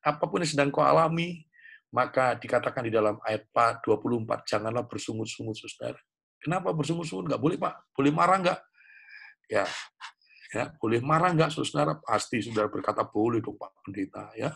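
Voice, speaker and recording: A man preaching a fervent sermon. His voice is gravelly with a husky edge, and it keeps climbing into high, emphatic peaks on rhetorical questions. He sounds like a pastor addressing his congregation. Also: fairly quick, a bit bright. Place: church hall, online service.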